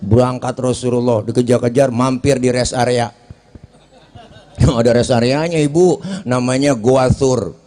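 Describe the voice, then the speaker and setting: A man preaching a comic sermon, telling stories with jokes and dropping to a low confiding voice for asides. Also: steady tone, unhurried, mellow. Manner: jokey storytelling, drops to a low confiding voice for asides.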